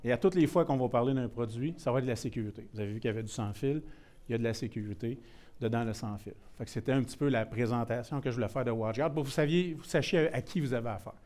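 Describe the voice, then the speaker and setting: A man's voice: medium pitch, quick pace, darkish tone. A man with a Québécois accent giving a technical security workshop, casual and self-deprecating, with many restarts and English words mixed in. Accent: Québécois French. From Quebec. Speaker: presenter.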